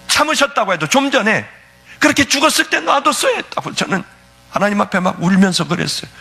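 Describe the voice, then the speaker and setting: A man's voice: high voice, creaky, pushed and bright, slightly rough. A male pastor giving a fervent, emotional testimony sermon, telling his story with sudden swings of feeling.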